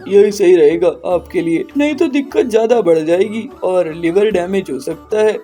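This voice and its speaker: A steady cartoon doctor with a mellow voice, as a woman plays him. He explains things firmly and gives plain, calm advice to his patient. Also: fairly low pitch, normal speed, soft background music, natural voice. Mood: advising. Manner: firm, explanatory. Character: male doctor, calm and advising.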